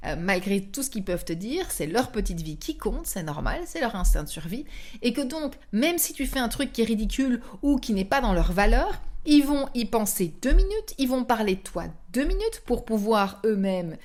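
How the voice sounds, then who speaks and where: A woman hosting a motivational podcast, speaking directly to the listener in an animated, coaxing way and acting out inner thoughts. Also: fairly high pitch, moderate pace. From France. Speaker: podcast host and coach.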